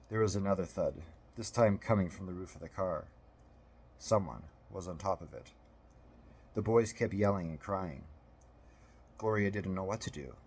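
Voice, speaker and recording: A man narrating an audiobook in a steady, measured storytelling manner. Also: low voice, slight background noise.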